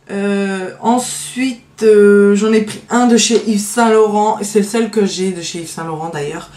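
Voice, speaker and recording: A beauty vlogger casually displays the nail polishes she likes best, speaking in a medium-pitched, a little mellow voice. The recording sounds roomy with a bit of hiss or hum. She's hesitant, leaning on fillers and a trailing "donc voilà," yet eager about her favorites.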